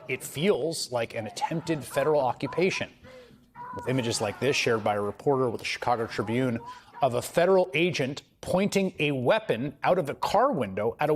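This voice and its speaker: A man's voice: medium pitch, slight background noise. A man anchoring a news broadcast, reading a scripted report with earnest emphasis from a studio.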